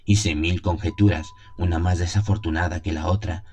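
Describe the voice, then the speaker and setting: Music plays behind a low, mellow male voice with fairly even intonation and a moderate pace. He tells a gothic story in the first person as a scripted audio drama, treating it with theatrical solemnity.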